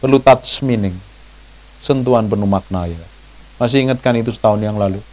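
A man preaching a sermon as pastor, chatting with the congregation and breaking into high mocking voices when he quotes people. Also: brisk. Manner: animated, jumps into high mock voices when quoting people; chatty, asks the congregation questions.

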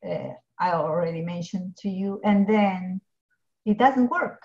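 A woman's voice: mid-range voice, a little slow, a little mellow. A middle-aged woman from Ecuador, talking earnestly on a video call with many restarts and fillers. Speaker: pharmacist guest. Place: home office with bookshelves. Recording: dull lo-fi video call audio.

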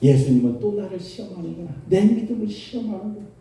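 A man's voice: sits high, expressive, fast talker, mellow. A male pastor voicing a desperate, persistent mother who cries out and pleads. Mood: resolute. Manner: pleading, crying out. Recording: echoey hall from far off.

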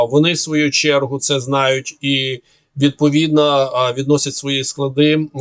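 A man's voice: mid-range voice, dry recording. A man analysing the war and answering viewers' questions in an unscripted monologue, sarcastic and argumentative, with many hesitations and filler sounds.

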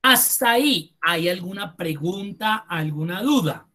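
A man's voice: sits high, lively intonation, unhurried, sharp tone. A man teaches a live class and walks students through each step with patience. He thinks aloud as he goes, restarting phrases and stretching out some words. He speaks to the students in a polite, formal way. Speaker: Excel instructor. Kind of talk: live online class walkthrough.

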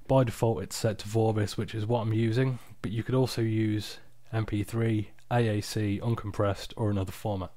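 Male, low-pitched, tired, casual screen-recording walkthrough, unpolished and informal, dry close sound. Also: level tone, moderate pace, few pauses, dark tone, no echo. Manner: informal, unpolished, off-the-cuff explaining. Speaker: software tutorial presenter. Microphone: external microphone, close and dry.

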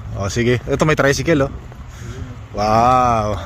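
A man's voice: medium pitch, slow pace, fairly bright tone, slight background noise. A man talking casually to his viewers while walking outdoors by a lake, exclaiming often at the sights. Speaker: vlogger.

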